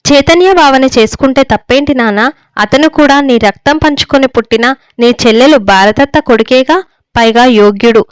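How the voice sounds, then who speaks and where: In a storybook reading, a woman voices a young daughter who is earnest and holds her ground. Her voice sits a little high and stays smooth and clear, and the recording is dry and close. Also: normal speed, no room sound, lightly acted. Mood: pleading. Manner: pleading, then firm and defiant.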